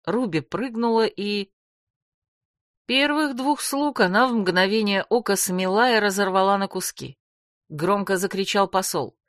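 A woman's voice: mid-range voice, a little slow, no echo. Dramatic woman audiobook narrator, dry close sound. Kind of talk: first-person fantasy audiobook narration.

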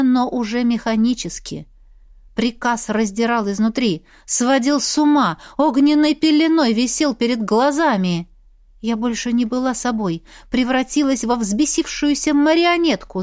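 A woman reading a first-person fantasy audiobook in a steady, expressive storytelling voice. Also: on the high side, no echo, studio quality. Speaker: audiobook reader.

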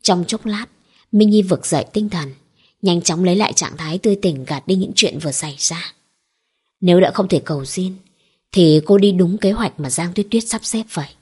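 A woman's voice: lowish voice, normal speed, mellow, slightly rough. A woman narrating a romance novel as an audiobook, reading steadily.

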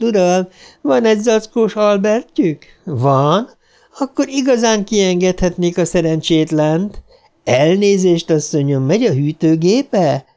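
A man putting on a shrill taunting killer clown. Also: darkish tone. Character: gleeful menacing male killer clown.

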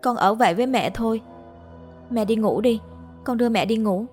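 A woman's voice: moderate pace, a little mellow, soft background music, close to an everyday voice. A woman doing a frantic, tearful young daughter. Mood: pleading. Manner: high, urgent, pleading. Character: devoted young adult daughter, anxious and tearful. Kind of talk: storybook narration.

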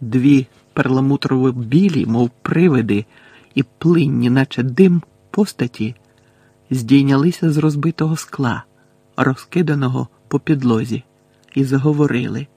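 A male audiobook narrator reads the story steadily and in a measured way, his mid-range voice gravelly and somewhat husky. The sound is dry and close to the mic, with no echo or surrounding room.

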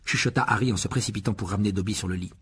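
A man reading an audiobook expressively, with a lively delivery that rises in pitch for dialogue. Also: racing, a little hiss or hum. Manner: lively, voices Harry with rising pitch in dialogue. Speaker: audiobook narrator.

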